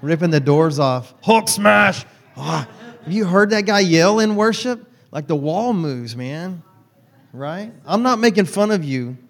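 An animated, unhurried pastor with a slightly high voice chats with his flock during a conversational sermon. He's folksy throughout, calling out people by name to tease them.

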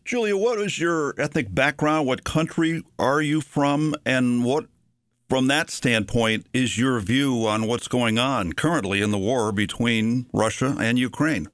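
A man hosting a local radio interview, asking questions and reading event details in a measured way. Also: medium pitch, dry recording, studio quality. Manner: measured, reads listings clearly. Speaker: radio host.

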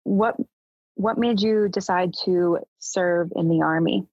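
A woman hosting a casual interview, friendly and quick to laugh, with frequent "um"s. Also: fairly low pitch, a little mellow, breathy edge, no room sound, highs cut off. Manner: friendly, laughs often, filler "um"s. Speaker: podcast host.

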